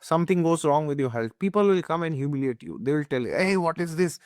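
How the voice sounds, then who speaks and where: Brief: male astrology teacher, emphatic and repetitive, slightly raised pitch. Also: lively intonation, fast talker, darkish tone, no echo, clean studio sound. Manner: emphatic, repeats points, often asks "okay?". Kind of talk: explanatory talk.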